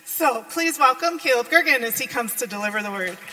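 An upbeat, excited woman making a welcome announcement and introducing a preacher to a church congregation. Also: fairly high pitch, a little fast. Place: church sanctuary. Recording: reverberant hall with music behind.

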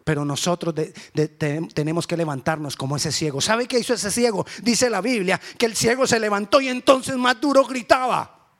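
A man's voice: sits high, animated, normal speed, fairly bright tone. A man preaching a sermon with fervent, repetitive rhetorical questions.

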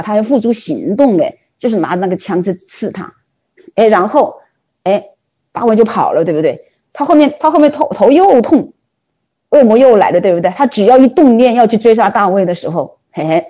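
A woman preacher giving a sermon, telling the story with animated delivery and frequent rhetorical questions. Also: mid-range voice, lo-fi sound.

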